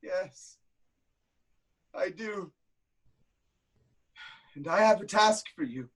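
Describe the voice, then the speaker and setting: A woman with a medium-pitched voice plays an anguished, self-loathing blinded king in a Greek tragedy, speaking in a declamatory, lamenting theatrical style. Her delivery is animated yet extremely slow, carrying a mood of somber pleading.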